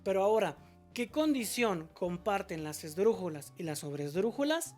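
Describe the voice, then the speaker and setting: A woman's voice: mid-range voice, sing-song, normal speed, a little mellow, faint music behind. A woman teacher explaining a spelling lesson patiently, asking questions and answering them herself, and drawing out example words syllable by syllable.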